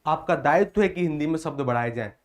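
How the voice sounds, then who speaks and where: A man with a fairly high voice teaches an online exam-prep class. He works by call and response, putting each question to the class, repeating it, then giving the answer. Between questions he reads out viewer comments and praises them. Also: lively intonation, quick pace.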